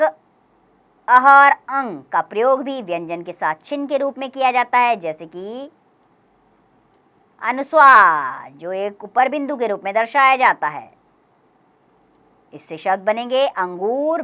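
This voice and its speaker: A woman teaching a grammar lesson for young children, explaining slowly and clearly, step by step. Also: on the high side, animated, fairly bright tone.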